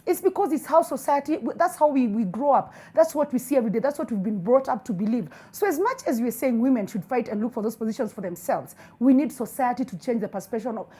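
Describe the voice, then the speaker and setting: Fast, husky Kenyan woman debating. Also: on the high side, animated, mellow. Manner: insistent, repeats phrases for emphasis. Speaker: debate panelist on a TV talk show. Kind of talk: heated conversational debate.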